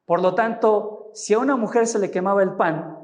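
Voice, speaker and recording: A man's voice: high voice, moderate pace. A man with a Mexican Spanish accent preaching a sermon as pastor, explaining scripture and often asking his listeners short questions. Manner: teaching, asks listeners rhetorical questions.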